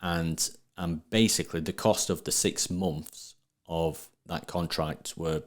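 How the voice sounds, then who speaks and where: A podcast guest from Sheffield, England, who speaks on trade business marketing, talks casually and emphatically in an interview, using northern English phrasing in his Sheffield accent. His voice is deep and steady, and he speaks slowly.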